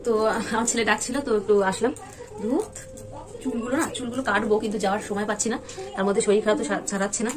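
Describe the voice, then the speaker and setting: A woman's voice: on the high side, fairly even intonation, racing. A young woman from West Bengal chatting casually at home in a vlog, rambling with many fillers and restarts. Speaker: vlogger.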